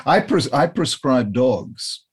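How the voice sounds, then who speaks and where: A man's voice: medium pitch, big pitch swings, slow pace, slight background noise. A man hosting an interview as a psychiatrist, affirming his guest and agreeing often. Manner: warm, affirming, frequent agreement. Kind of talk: conversational interview.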